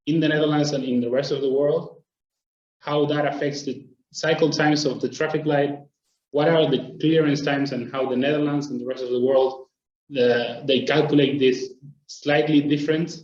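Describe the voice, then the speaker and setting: A man from Argentina, presenting a webinar in a steady, explanatory way. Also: fairly high pitch, normal speed, echoey room, muffled recording. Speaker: traffic planner presenting.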